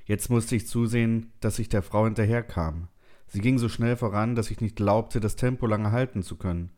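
A man with a lowish voice reads a story in first person. He keeps a calm, measured pace through the narration. The reading is steady and even.

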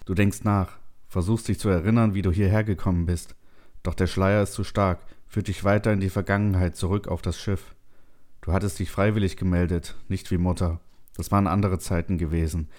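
A man narrating a second-person science fiction story in a slow, tense, measured way. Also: low-pitched, fairly even intonation, darkish tone.

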